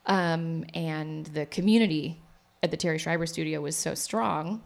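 Low-voiced chatty woman actor. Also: moderate pace, creaky. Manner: chatty, rambling storyteller. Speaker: actor and playwright, podcast guest. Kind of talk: casual interview chat.

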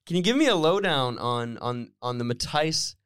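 A man's voice: mid-range voice, very animated, normal speed, fairly bright tone, smooth, no echo. A man hosting a podcast interview, chatting casually and encouraging his guest with short affirmations, on a close mic. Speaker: podcast host.

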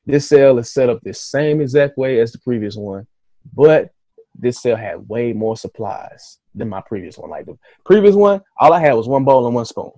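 A man's voice: mid-range voice, lively intonation, normal speed, mellow, no echo, poor audio. A man, an author and interview guest, telling a story casually with loose, profane talk and acted-out quotes of his own thoughts.

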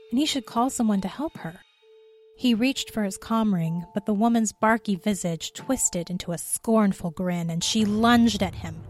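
A woman reads a scripted story aloud in a steady, even voice. Her pitch sits at a typical middle level for a woman. Her delivery stays measured through the narration.

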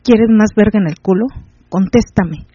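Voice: medium pitch, moderate pace, warm tone, breathy edge, no echo, highs cut off, natural voice. A man doing a taunting domineering lover. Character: domineering man, mocking and rough.

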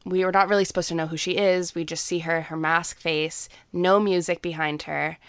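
A woman's voice: on the low side, steady tone, normal speed, clear, resonant tone, no room sound. A young woman co-hosting a podcast, talking enthusiastically and gushing, with many fillers. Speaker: podcast co-host. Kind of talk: casual fan discussion.

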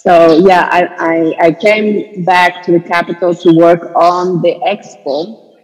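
Slow, hesitant woman from Kazakhstan. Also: lowish voice, steady tone, a little mellow, in a large hall, low-quality recording. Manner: hesitant, many fillers and restarts. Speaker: guest, art consultant and curator. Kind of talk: podcast interview.

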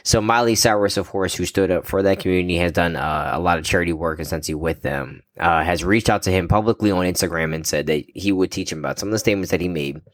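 A man's voice: deep voice, fast talker, few pauses, dry recording, clean studio sound. A man co-hosting a podcast, chatting casually and teasing his friends. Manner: joking, teasing, animated. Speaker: podcast co-host. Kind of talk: casual chat.

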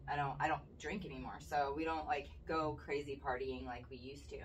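A woman's voice: a bass voice, fairly even intonation, a little fast, far from the mic, a little hiss or hum. A young woman co-hosting a casual podcast, giggling often and rambling with lots of "like". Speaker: podcast co-host. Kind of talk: casual chat.

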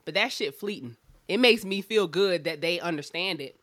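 A woman's voice: fairly low pitch, normal speed, a bit bright, dry recording. A woman with a Southern US accent and drawl, talking bluntly and emphatically and swearing freely in a candid podcast chat. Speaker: schoolteacher.

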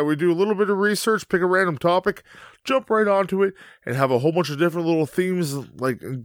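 A man's voice: fairly high pitch, no room sound, clean studio sound. A young man co-hosting a podcast in casual, crude, joking chat, swearing freely. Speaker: podcast co-host.

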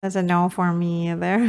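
A woman's voice: on the low side, darkish tone. A woman co-hosting a podcast in casual chat, laughing often. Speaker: podcast co-host.

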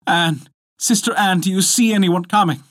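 A man's voice: animated, normal speed, no room sound, clean studio sound. A man voicing a frightened young wife in a storybook, imploring and distressed. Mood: urgent imploring. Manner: pleading, imploring, high-pitched delivery.

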